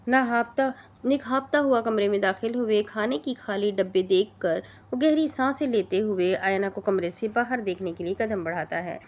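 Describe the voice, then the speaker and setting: A woman's voice: medium pitch, few pauses. Woman narrating a romance audiobook. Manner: steady storytelling with small restarts. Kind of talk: reading a romance novel aloud.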